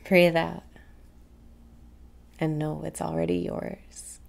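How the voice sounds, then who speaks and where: A young woman leading a guided meditation in a soft, soothing, breathy way, leaving pauses between phrases. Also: sits low, little pitch movement. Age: young adult. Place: small room indoors.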